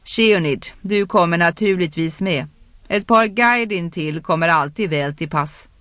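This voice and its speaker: An audiobook narrator voicing a brisk, commanding noblewoman who hands out orders, recorded dry and close. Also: medium pitch, a bit bright, dry recording, lightly acted.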